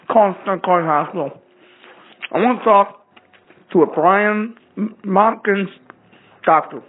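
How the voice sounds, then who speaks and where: A man acting a blunt, pushy schemer, curt and insistent on a voicemail in an audio drama. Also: sits high. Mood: impatient. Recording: tinny phone-like line.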